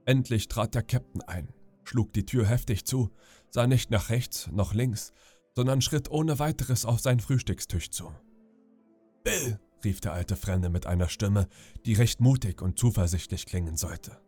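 A man reading a bedtime audiobook in a calm, measured storytelling way. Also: fairly low pitch, faint music behind. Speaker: audiobook narrator.

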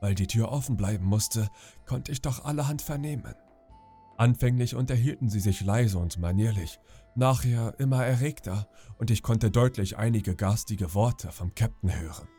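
A man reading a bedtime audiobook in a calm, measured storytelling way. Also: lowish voice, husky, faint music behind. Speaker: audiobook narrator.

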